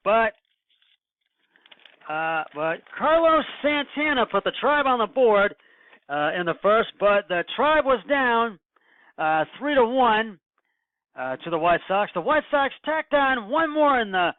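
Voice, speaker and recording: A man hosting his own sports podcast alone, talking in a halting way with many fillers and restarts. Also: extremely high pitch, very animated, no room sound. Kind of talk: solo sports podcast monologue. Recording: dry, tinny phone-like sound.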